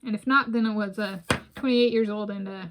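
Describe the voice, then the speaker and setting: An American woman in her thirties chats casually in a home food vlog, drifting off topic while she eats in a room with bookshelves. Her mid-range voice stays steady and brisk against a noisy background.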